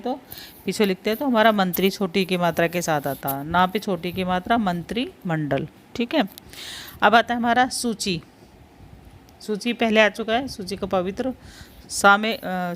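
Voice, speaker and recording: A woman's voice: mid-range voice, a little hiss or hum. Hindi teacher woman, patient and repetitive. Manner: explains patiently, repeats each word, often says "important". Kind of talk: spelling lesson.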